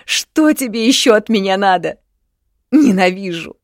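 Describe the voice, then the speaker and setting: A woman voicing an indignant, quick-tempered young woman in an audiobook, her lines raised a little above her narrating voice. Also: lowish voice, no room sound, studio quality. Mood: tearful fury. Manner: indignant outbursts, sharp retorts.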